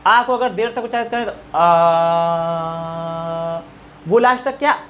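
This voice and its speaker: Very high-pitched, steady in tone, and fast-talking, a man lectures on grammar for exam prep. He questions and answers himself, dictates notes, and elongates vowel sounds to demonstrate, all on a dull lo-fi recording with a faint noise.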